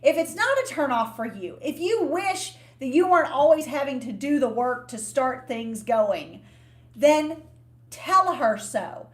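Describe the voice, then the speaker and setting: A woman co-hosting a podcast, giving frank, unhurried relationship advice in a casual, explanatory way. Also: high voice, expressive. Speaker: podcast co-host. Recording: echoey room.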